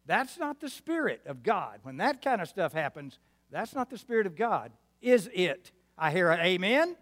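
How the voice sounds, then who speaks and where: A man's voice: high voice, sing-song, normal speed. A man in his seventies preaching a sermon with a West Texas twang, folksy and emphatic, checking in with his listeners. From Arkansas, New Mexico and West Texas, United States. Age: 70s. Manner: folksy, emphatic, asks the congregation for responses. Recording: reverberant hall.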